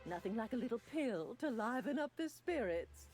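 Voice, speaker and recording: Actress as a cooing, flirtatious auntie medic. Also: female voice, a little high, lively intonation, normal speed, darkish tone, soft background music, lightly acted. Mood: flirty. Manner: cooing, coy, genteel. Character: flirtatious auntie-like female medical dispenser, sugary and saucy. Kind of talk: video game character acting.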